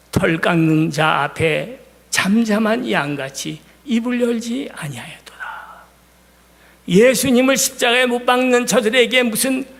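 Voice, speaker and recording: A male pastor preaching a sermon, retelling scripture dramatically and swinging between loud emphasis and hushed words. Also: high-pitched. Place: church sanctuary. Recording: long hall reverb.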